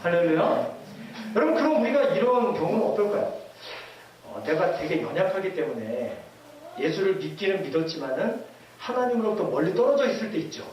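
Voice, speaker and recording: A man with a strikingly high voice preaches a lively sermon, often turning to his congregation with questions. His voice rings around a church sanctuary and is caught from far off, with faint hiss underneath. The sound is hollow and roomy. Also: a little fast. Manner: lively, asks the congregation questions and leads readings. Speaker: pastor.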